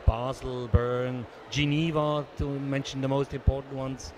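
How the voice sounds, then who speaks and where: A man in his sixties from Switzerland, giving a measured, businesslike conference interview into a handheld mic, pausing often. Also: mid-range voice, flat delivery, noisy background. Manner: measured, businesslike, many hesitations. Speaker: interviewee, association treasurer. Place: conference booth indoors.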